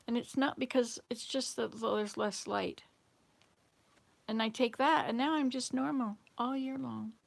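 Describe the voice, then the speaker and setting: A Southern US woman with a gravelly, somewhat high voice livestreams at a slightly slow pace and steady tone. She chats casually and answers viewer comments, rambling and jumping from thought to thought.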